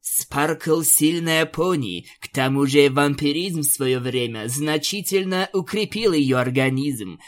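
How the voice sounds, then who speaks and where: A man's voice: on the high side, natural voice. Man voicing Alanis, a sneering vampire leader. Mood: cold scorn. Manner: slow, sneering and condescending. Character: cold, mocking female vampire pony leader. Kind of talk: audiobook character voice.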